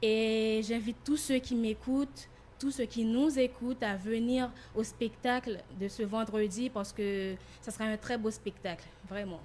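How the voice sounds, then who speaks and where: A young woman student speaking in an interview, a little hesitant, inviting listeners warmly. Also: a little high, steady tone, moderate pace, slight background noise.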